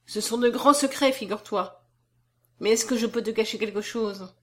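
A woman's voice: on the high side, normal speed, natural voice. A woman reading an audiobook, voicing a self-assured young man who talks in a half-mocking, half-solemn way. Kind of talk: audiobook character voice.

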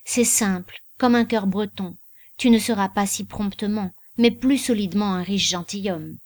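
A woman's voice: mid-range voice, normal speed, close to an everyday voice. A woman reading the part of a pious, practical old blind aunt in an audiobook. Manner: homely, advising, hushed at times.

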